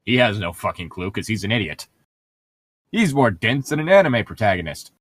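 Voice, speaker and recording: Recorded dry with studio quality, a husky, lowish, fairly bright male voice moves at a moderate pace with big pitch swings. As a co-host of a group read-along, he mixes casual banter with reading a novel aloud, blunt, sardonic and freely profane.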